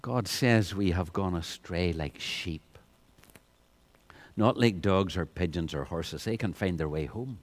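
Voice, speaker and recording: A man with a deep voice preaches an evangelistic sermon at an unhurried pace. He often repeats words as he begins a phrase and builds to loud peaks.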